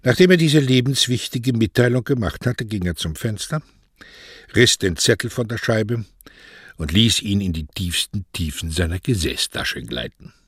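A man reads a novel aloud in a measured storytelling manner. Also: on the low side, lively intonation, husky. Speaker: audiobook reader. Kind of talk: scripted narration.

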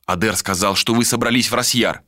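A man's voice: on the low side, steady tone, a little fast, pushed and bright, dry recording, studio quality. A man voicing a possessive, unhinged nobleman in an audiobook, with a commanding, menacing delivery. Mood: controlling. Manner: commanding, then obsessive and menacing. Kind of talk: audiobook character voice.

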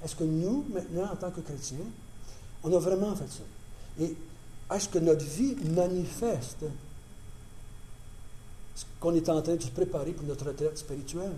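A man's voice: fairly high pitch, moderate pace, long pauses, warm tone, a little hiss or hum. A male preacher giving a conversational sermon with emphatic repetition.

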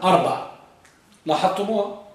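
High-voiced man teaching in an echoey classroom. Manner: drills students with repeated questions, drawn-out examples. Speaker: Arabic grammar teacher. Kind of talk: classroom lesson, questioning students. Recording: very echoey room, mic far off.

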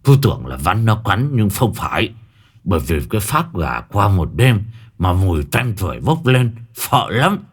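A man's voice: low voice, sing-song, moderate pace, husky, exaggerated voice. A man voicing a buck-toothed old village man who complains in a mumbling whine. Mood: fretful.

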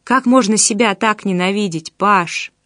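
A woman voicing Danila, a calm and compassionate man who speaks earnestly, in an audiobook. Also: mid-range voice, a little slow, no room sound, clean studio sound, close to an everyday voice. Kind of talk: audiobook character voice.

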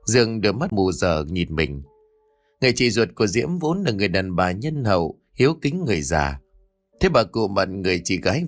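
A man narrating a dramatic ghost story, expressive and shifting his pace for drama. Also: lowish voice, dry recording.

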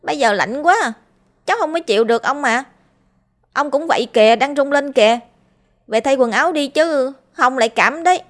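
A woman voicing a frightened young male grandson who whines and pleads in high, shrill cries. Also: animated, brisk, close to an everyday voice. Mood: shivering.

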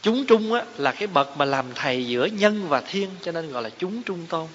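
A man's voice: a little high, expressive, moderate pace, a bit bright. A man giving a Buddhist dharma talk, explaining terms and asking his listeners rhetorical questions. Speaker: Buddhist teacher. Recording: echoey hall, dull lo-fi sound, faint hiss.

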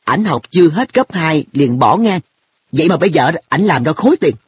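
Man voicing a cheeky happy-go-lucky kid, pitched up and bouncy, breathy husky tone. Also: big pitch swings, a little fast, heavily acted. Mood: blunt. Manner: offhand, blunt boyish talk. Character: boy An, carefree, teasing, money-minded.

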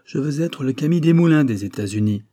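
A man's voice: mid-range voice, animated, quick pace, dark tone, pitched above the performer's own voice, close to an everyday voice. A man voicing a witty, nonchalant middle-aged French aristocrat who turns declamatory, in an audiobook. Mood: rousing.

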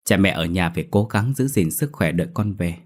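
A man voicing a gentle dutiful peasant boy. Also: low voice, lively intonation, a little fast. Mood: reassuring. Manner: soft, reassuring.

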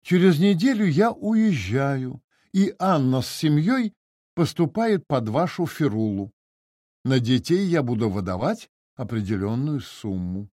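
A man's voice: medium pitch, big pitch swings, measured pace, warm tone, dry recording, studio quality. A man reading the part of an aggrieved middle-aged notary, speaking formally and with agitation. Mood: agitated, indignant. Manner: formal, stiffly polite, agitated. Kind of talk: audiobook character reading.

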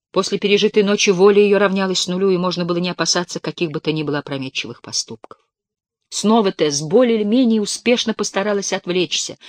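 A reader giving measured, expressive audiobook narration. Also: mid-range voice, dry recording.

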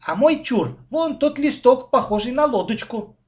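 A man's voice: high voice, very animated, moderate pace, pitched above the performer's own voice. A man voicing a bossy little girl who grumbles, in a children's storybook reading.

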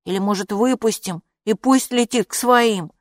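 A woman's voice: medium pitch, moderate pace, no echo, studio quality, voice pushed up, natural voice. A woman voicing a frightened, anxious little boy in an audiobook, worried and protesting. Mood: hesitant. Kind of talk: audiobook character voice.

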